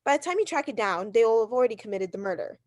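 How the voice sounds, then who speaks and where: An actress voices a high-pitched, fretful bedridden wife in a 1940s-style radio thriller, neurotic and imperious, insistently pressing her points and stammering when challenged. Her delivery is rapid-fire with lively intonation and a slightly mellow tone, only lightly acted, and she comes across as demanding.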